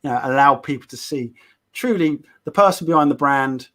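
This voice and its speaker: A man's voice: mid-range voice, brisk, a bit bright. An English man hosting a casual live online show, rambling and upbeat, often repeating his words. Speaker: show host. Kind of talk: casual live-stream chat.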